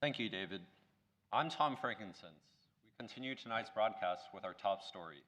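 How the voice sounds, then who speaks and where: A man playing an earnest evening news co-anchor in a church play, with a formal, measured breaking news delivery. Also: fairly low pitch, expressive, a bit bright. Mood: serious, newsy. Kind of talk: breaking news delivery, scripted mock newscast.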